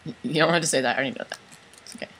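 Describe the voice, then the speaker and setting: A man's voice: fairly high pitch, rapid-fire, fairly bright tone, slight background noise. A man chatting casually while playing a game, joking around and chanting "bruh". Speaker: gamer. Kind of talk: casual gaming chat.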